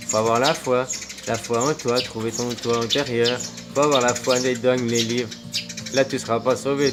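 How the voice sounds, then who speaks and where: Man, spiritual vlogger, meandering monologue full of fillers and rhetorical questions, medium pitch, music under. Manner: loose and rambling, with many fillers and rhetorical questions. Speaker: spiritual video blogger. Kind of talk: rambling spiritual monologue to camera.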